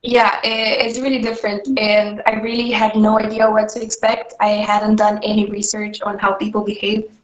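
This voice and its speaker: A woman's voice: mid-range voice, completely flat delivery, normal speed, few pauses, dull audio. A young woman from Romania, an exchange student, chatting on a video call from a small kitchen and telling her story with lots of fillers. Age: young adult. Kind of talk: casual video-call conversation. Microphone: video call webcam. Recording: echoey room on a webcam.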